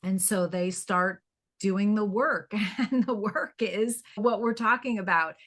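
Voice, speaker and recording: A woman's voice: mid-range voice, takes it slowly. Woman storyteller in an interview. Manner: animated, acts out quoted dialogue. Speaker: guest, nonprofit founder.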